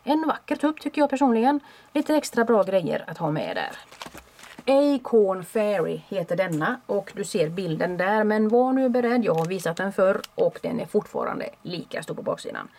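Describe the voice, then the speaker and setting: A woman who runs a craft shop, chatting casually and warmly as she shows off new stock at home. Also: mid-range voice, lively intonation. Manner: chatty and friendly, with small restarts. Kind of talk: casual product show-and-tell.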